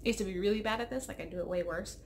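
A knitting podcaster in her thirties races through casual chat in a medium-pitched voice, rambling and interrupting herself, her throat slightly froggy. She records from her home craft room on a desk webcam, with a little hiss or hum.

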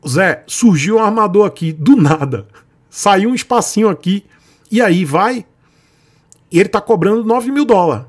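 A man's voice: high-pitched, animated, moderate pace. A man doing an obliging sales manager. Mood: matter-of-fact. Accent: Brazilian.

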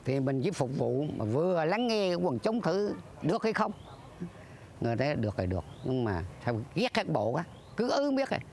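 An older former troupe leader reminiscing earnestly in an interview, acting out old conversations. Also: male voice, fairly high pitch, sing-song, moderate pace, gravelly, a little mellow, a little hiss or hum. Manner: earnest, acts out dialogue, breaks into sung lines.

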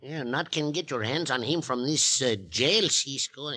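An actor playing Pancho, an excitable comic sidekick who speaks broken English with a heavy Mexican accent, in a 1950s radio drama. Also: male voice, medium pitch, measured pace, slightly rough. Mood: pleading, jokey.

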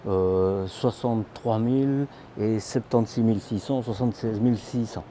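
This man speaks at an ordinary pace in a lowish, warm voice, with slight hiss or hum. He's a camper van vlogger touring vans at a large indoor trade show, phone in hand, chatting informally, using lots of fillers and calling the viewer "tu."

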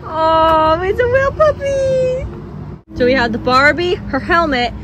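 A young woman, a parent, unboxing toys with a toddler outdoors, talking in an animated, encouraging way with frequent gasps. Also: very high voice, slow pace. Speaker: parent and channel host. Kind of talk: casual toy unboxing with a toddler. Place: outdoors on a gravel patio by a fence. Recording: outdoor traffic noise.

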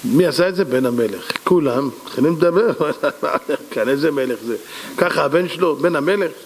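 A man preaching a sermon as a rabbi, telling a parable in an animated way and asking rhetorical questions, in an echoey hall. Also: on the high side. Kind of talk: sermon with storytelling.

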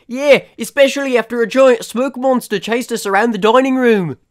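A bland young side character with a cartoonish, overplayed Australian accent, as a man puts him on. The voice leaps far above the usual speaking pitch and comes out loud. Clear guitar music plays behind. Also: fairly even intonation, normal speed. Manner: exaggerated and overplayed.

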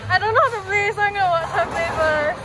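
A young woman vlogging on a phone camera, giggly and excitable, swearing casually. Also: extremely high pitch, quick pace. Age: young adult. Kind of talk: casual vlog chat. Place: large indoor bowling alley. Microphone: handheld phone camera. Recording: loud bowling alley with music and crowd. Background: loud music and crowd chatter.

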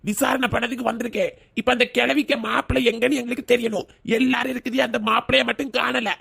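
A man's voice: extremely high pitch, flat delivery, gravelly, pushed and bright, slightly rough, exaggerated voice. A man voicing a stern village police officer questioning people, with a Kanyakumari Tamil accent. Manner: brisk, authoritative questioning. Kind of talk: cartoon voice acting.

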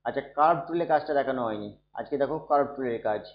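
A man who is unwell, teaching a computer lesson slowly and softly, often asking his students if they follow. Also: medium pitch. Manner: slow, soft-spoken, checks in often with students. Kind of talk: screen-recorded computer lesson. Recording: dull, echoey room recording.

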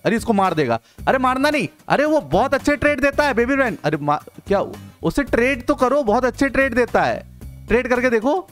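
Young male gaming host, high bright voice, playful and coaxing, soft music under the talk. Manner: playful, coaxing, quick repeated interjections. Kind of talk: excited gameplay commentary.

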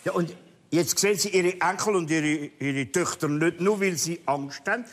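A man's voice: a little high, moderate pace, close to an everyday voice. An older actor with a Swiss German accent playing a stubborn, restless elderly man on stage, emphatic and exasperated, sometimes slipping into Italian. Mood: friendly, probing. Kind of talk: stage comedy-drama acting. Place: indoor theatre stage. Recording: reverberant theatre stage, faint noise.

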